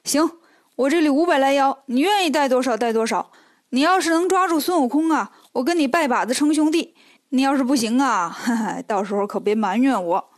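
A woman's voice: sits high, a little fast, close to an everyday voice. A woman voicing a mocking, scornful male demon king in a spoken storybook tale. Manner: scornful, taunting.

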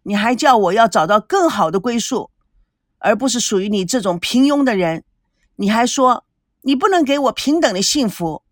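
A woman reading a novel aloud, voicing a proud, sharp-tongued young woman with indignant, quick retorts. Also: a little high, big pitch swings, no room sound, clean studio sound. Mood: reproachful. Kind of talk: audiobook character voice.

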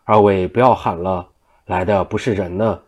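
A male storyteller voicing a frank, quick-witted young woman who argues her point with old sayings. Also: low-pitched, fairly even intonation, a little mellow. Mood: alarmed. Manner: chiding, reasoning with proverbs.

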